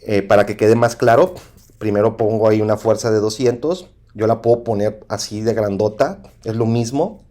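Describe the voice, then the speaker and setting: A man with a Mexican accent teaching an engineering lesson over slides, often pausing with "¿sí?" to check understanding. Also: on the low side, dark tone. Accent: Mexican Spanish. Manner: repetitive, asks "¿sí?" to check understanding. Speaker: engineering instructor.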